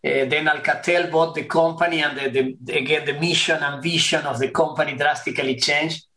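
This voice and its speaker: A man's voice: on the high side, fairly even intonation, fairly quick, sharp tone. Middle-aged man in an echoey room. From Argentina. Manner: courteous, hesitant with repeated words. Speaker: guest professor. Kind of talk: webinar interview.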